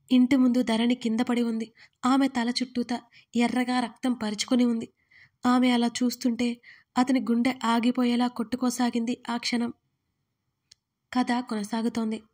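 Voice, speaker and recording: A woman with a fairly high voice reads a dramatic story aloud. Her delivery is expressive and measured, as a storytelling host. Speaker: story narrator.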